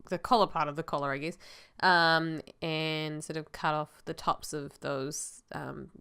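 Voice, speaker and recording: A woman's voice: deep voice, steady tone, unhurried, creaky, bright, forceful tone, clean tone. A woman giving casual, rambling voice-over commentary as a vlog host, hesitant and sounding a little congested and choked up with a cold.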